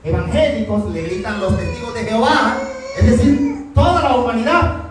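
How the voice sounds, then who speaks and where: A man's voice: extremely high pitch, lively intonation, a little fast, over music. A man preaching a sermon as a pastor, often asking his listeners rhetorical questions. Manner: asks the congregation rhetorical questions. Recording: echoey church hall from far off.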